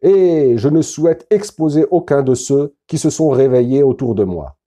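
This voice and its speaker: A man reading out an anonymous testimony in a solemn, deliberate manner. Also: mid-range voice, animated, mellow. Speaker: former member giving testimony.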